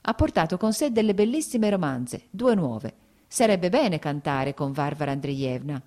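A cordial, slightly tipsy gentleman talks in an expansive, effusive way, read by a woman. The voice sits low for a woman. It belongs to a novel read aloud. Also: sing-song, a little slow.

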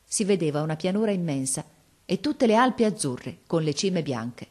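A woman reading a classic children's story aloud as narrator, in a measured, expressive way. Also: fairly low pitch. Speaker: audiobook reader. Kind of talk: scripted narration.

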